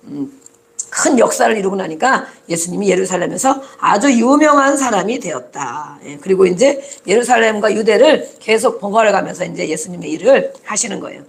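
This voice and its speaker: Gravelly-voiced Korean preacher giving a sermon. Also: mid-range voice. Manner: emphatic, acts out crowd voices in quotes.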